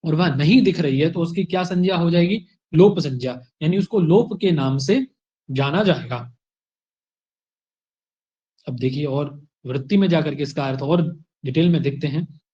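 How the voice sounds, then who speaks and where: A man's voice: on the high side, warm tone, lo-fi sound. A man teaching a Sanskrit grammar class online, explaining step by step and answering his own questions. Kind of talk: online exam-prep lecture.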